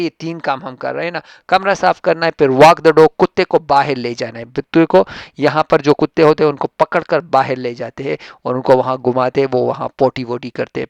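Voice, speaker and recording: A man teaching an English textbook lesson, explaining patiently and reading English sentences out slowly with emphasis. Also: medium pitch, creaky, no room sound, lo-fi sound. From Pakistan. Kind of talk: classroom-style textbook lesson.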